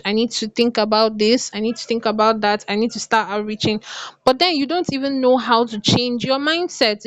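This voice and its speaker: A woman's voice: mid-range voice, no room sound, low-quality recording. A woman with a lisp and slushy s sounds, teaching casually as a coach and repeating phrases for emphasis. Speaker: copywriting coach. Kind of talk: casual online lesson to viewers.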